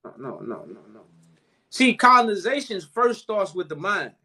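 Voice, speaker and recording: A man's voice: high-pitched, sing-song, moderate pace, pushed and bright. A man hosting a live chat, preaching and explaining at length, calling the listener "brother man". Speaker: host.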